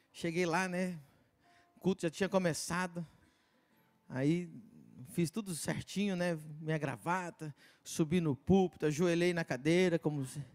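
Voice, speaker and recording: Male pastor, middle-aged, high voice, sermon testimony, dramatic storytelling, loud bursts and hushed asides. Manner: animated storytelling, acting out quotes, swinging from shouts to hushed asides.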